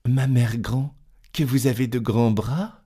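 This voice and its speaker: An innocent little girl from a fairy tale speaks up brightly, as a male narrator puts her on. Her lines come in a lifted, childlike voice with slow pacing. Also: medium pitch, slightly rough, voice pushed up. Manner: raised, childlike voice.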